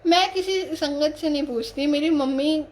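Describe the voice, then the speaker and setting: A young woman with a high, light voice gives a devotional talk on a live stream. She speaks earnestly and conversationally. She circles back to her key points and often restarts her sentences. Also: moderate pace. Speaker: satsang speaker.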